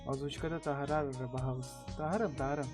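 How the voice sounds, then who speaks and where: A man's voice: a little high, fairly even intonation, fast talker, over music. A young man chatting casually in slang and swearing as he streams a game. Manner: slangy, profane, laughing often. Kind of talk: casual chat over gameplay.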